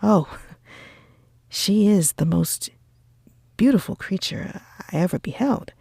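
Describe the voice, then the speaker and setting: Woman's ASMR role-play of eager, breathy Mister Bingley. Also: medium pitch, expressive, takes it slowly, darkish tone, dry recording, studio quality, heavily acted. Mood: enthusiastic. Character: lively, eager, friendly young gentleman.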